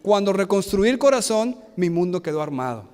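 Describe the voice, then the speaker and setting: A man's voice: high-pitched, very animated, brisk, darkish tone, in a large hall. A man voicing a cheerful, clever six-year-old boy in a sermon story. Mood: eager.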